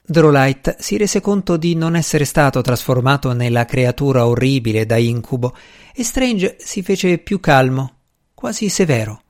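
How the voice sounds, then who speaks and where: A man giving a measured, dramatic scripted narration of an audiobook. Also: medium pitch, lively intonation.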